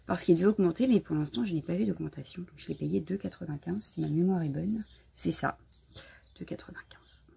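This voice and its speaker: A woman hosts a relaxed live crafting stream from her home, chatting loosely and greeting viewers as she goes. Her voice is strongly gravelly and very husky, sitting a little low. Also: fast talker. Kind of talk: casual live unboxing chat.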